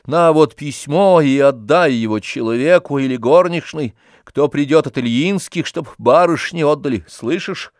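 Casting: male narrator doing an idle, easily irritated gentleman scolding his servant. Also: on the high side, moderate pace, hardly any pauses, no room sound, studio quality, voice pushed up, close to an everyday voice. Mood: commanding. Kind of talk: audiobook reading.

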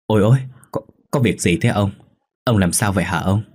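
Vai bà vợ quê lo lắng, lắp bắp khi sợ, một nam giới đọc truyện đảm nhận, giọng khàn. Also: male voice, low-pitched, brisk, a little mellow, breathy edge. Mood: frightened. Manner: anxious, stammering when scared. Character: worried older village wife, anxious, fussing.

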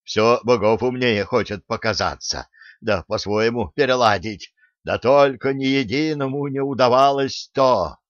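A man reading the part of a stern old pagan sage in an audiobook, speaking slowly and solemnly. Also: medium pitch, no echo, muffled recording, lightly acted. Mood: stern preaching.

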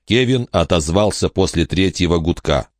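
Male narrator, deep low voice, dry close sound, measured steady horror storytelling. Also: no room sound. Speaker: audiobook narrator. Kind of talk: scripted horror audiobook narration.

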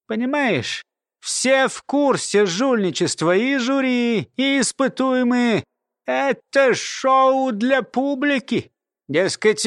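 A man's voice: very high voice, fairly bright tone, no room sound, studio quality, voice pushed up, full character voice. A man voicing a sly, grumpy old woman who lectures with sarcasm in an audiobook. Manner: lecturing, sardonic. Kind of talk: audiobook character voice.

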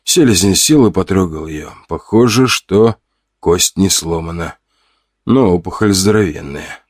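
A man narrating an audiobook in an even, measured way. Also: low-pitched, no echo, clean studio sound. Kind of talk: scripted narration.

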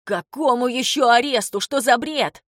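A woman voicing an angry young man shouting in defense of his father in an audiobook. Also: mid-range voice, moderate pace, dry recording, clean studio sound, close to an everyday voice. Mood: outraged. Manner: shouting, indignant. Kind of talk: audiobook character voice.

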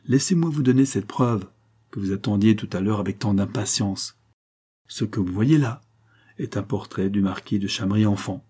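A man reading a novel aloud, voicing a proud and commanding noblewoman with a forceful, insistent delivery. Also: lowish voice, normal speed, slightly rough.

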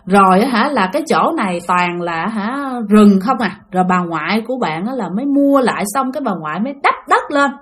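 A woman's voice: mid-range voice, expressive, a little fast, hardly any pauses, a bit bright. A woman with a Southern Vietnamese accent telling a ghost story in a conversational way, speaking directly to her listeners. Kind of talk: spoken ghost-story narration.

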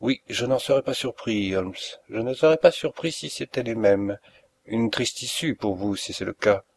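A man's voice: mid-range voice, a little mellow, close to an everyday voice. A man reading a gloating, sneering villain. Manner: mocking, taunting, slow and deliberate. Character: cruel sneering male planter, middle-aged, gloating. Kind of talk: audiobook reading.

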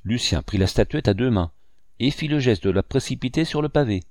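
A man narrating a novel as an audiobook, in measured storytelling. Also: mid-range voice, expressive, no room sound, studio quality. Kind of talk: scripted narration.

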